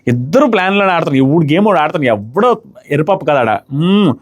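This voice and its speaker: A man's voice: fairly high pitch, lively intonation, fairly quick. A man reviewing a reality show episode, recounting scenes with emphatic opinions and acting out the quoted lines.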